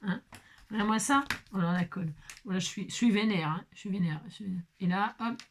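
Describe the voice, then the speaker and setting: A woman's voice: mid-range voice, fast talker, slight background noise. A woman crafter chatting casually through a card-making tutorial, playful and self-mocking, humming to herself as she works.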